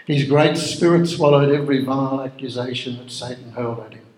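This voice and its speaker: A man's voice: medium pitch, brisk, darkish tone. Solemn male storyteller in an echoey room. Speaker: narrator. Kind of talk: dramatic scripted story narration. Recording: roomy echo.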